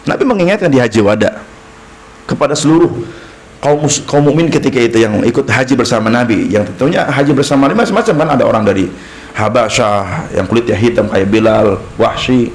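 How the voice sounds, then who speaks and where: Preacher in an echoey mosque. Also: male voice, mid-range voice, brisk, a little hiss or hum. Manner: lively, acts out short dialogues, asks and answers himself. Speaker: Islamic preacher teaching creed. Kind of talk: mosque study lecture. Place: mosque hall.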